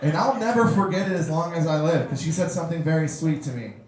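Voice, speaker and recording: A man doing a stand-up comedy set on a club stage, telling a story with animated delivery and shouted punchlines. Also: fairly high pitch, fast. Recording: roomy live club recording with crowd noise. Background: audience laughter.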